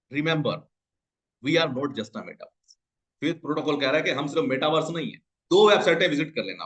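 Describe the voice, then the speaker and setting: A man with a somewhat bright voice runs a screen-share promo for an online business, full of hype and sales talk, and keeps hailing the people watching as friends.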